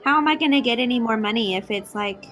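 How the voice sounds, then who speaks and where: A woman's voice: on the high side, quick pace, fairly bright tone, soft background music, a faint crowd. A woman playing a tabletop game, apologetic and unsure as she asks how the betting works. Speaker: player. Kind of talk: casual game chat.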